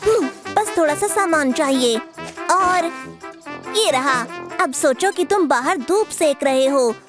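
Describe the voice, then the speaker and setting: A man's voice: very high-pitched, expressive, slow pace, heavily acted. A man voicing a young male inventor in a cartoon dub, bossy and pleased with himself. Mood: busy. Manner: bossy, self-pleased tinkering chatter. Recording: music playing underneath.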